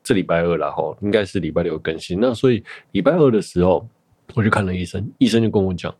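A man with a low voice hosts a podcast and talks casually by himself. He tells his story in a loose, rambling way and keeps stopping to correct himself. The recording is close and dry, with no room sound. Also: fast talker, darkish tone, slightly rough, no room sound. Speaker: podcast host. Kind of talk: casual solo chat.

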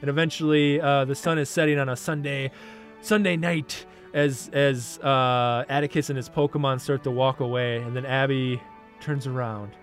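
Man, game master, tabletop narration, halting fillers, faint music. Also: mid-range voice. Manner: relaxed, halting with many fillers.

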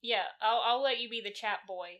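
Female podcast co-host, higher bright voice, relaxed, short answers with plenty of fillers. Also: brisk, lo-fi sound. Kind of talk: casual podcast chat.

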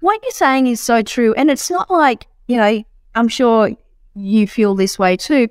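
A woman from Australia, a podcast guest, telling lively stories with vivid examples. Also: on the high side, unhurried, smooth, dry recording, clean studio sound. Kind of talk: casual podcast conversation.

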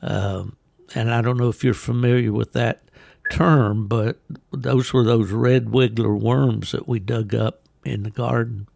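An older American man from West Virginia chats casually as a podcast host, rambling and folksy with a gravelly voice. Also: mid-range voice, steady tone, measured pace, a little mellow, no echo, clean studio sound. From West Virginia, United States. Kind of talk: casual chat, reminiscing. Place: at home in a hot room he calls a sauna, fan and ice bucket.

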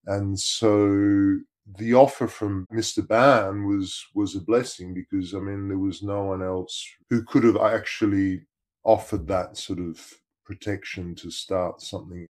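Man with a disguised, altered deep voice. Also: fairly even intonation, unhurried, a little mellow. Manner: hesitant, repeats words and restarts. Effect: voice electronically altered to disguise identity, deep. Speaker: interviewee, former employee. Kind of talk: casual recollection in an interview.

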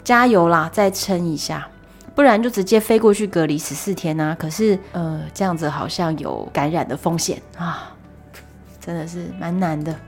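A young woman hosting a solo podcast, telling stories in a chatty, animated way with exasperated asides. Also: fairly low pitch, moderate pace, soft background music. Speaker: podcast host.

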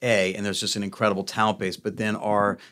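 A man's voice: fairly low pitch, fast. A man from New Orleans, a puppetry company director, talking casually in a podcast interview with lots of fillers and restarts. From New Orleans, USA. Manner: relaxed, rambling with many fillers.

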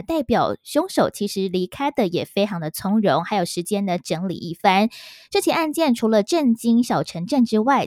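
A woman's voice: medium pitch, darkish tone, no room sound, studio quality. A woman narrating true crime as a storyteller.

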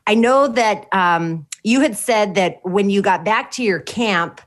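A woman co-hosting a talk show, who is a nurse, asking a guest questions with frequent hesitations. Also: medium pitch. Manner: hesitant, fills pauses with um and uh. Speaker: co-host, nurse. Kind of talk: interview questions.

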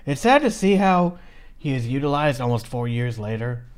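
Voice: medium pitch, animated, moderate pace. A podcast co-host recapping a match in a chatty, casual way, swearing now and then and reading from notes.

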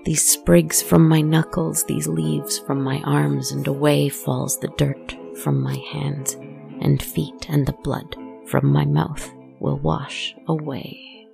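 A woman voicing a weary shapeshifting forest creature in a scripted horror monologue, speaking slowly and deliberately in a husky, creaky voice. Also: deep voice, flat delivery, warm tone, soft background music, full character voice. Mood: eerie, weary.

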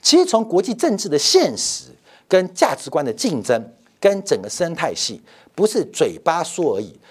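A man's voice: a little high, huge pitch swings, normal speed, a little mellow, husky. A middle-aged man hosting a financial commentary show, emphatic and rhetorical, repeating phrases to drive points home.

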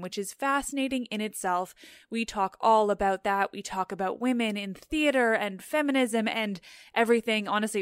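A woman's voice: medium pitch, clear, resonant tone, no echo, clean studio sound. A young Canadian woman hosting a podcast, chatting casually and with self-deprecating humour. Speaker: podcast host. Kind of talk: casual conversation.

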